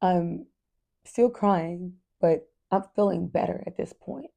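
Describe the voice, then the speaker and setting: A woman hosting her own parenting podcast, speaking in an earnest, candid monologue aimed right at her listeners. Her voice sits on the low side with a gravelly edge and a mellow, dark tone. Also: slow pace. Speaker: podcast host.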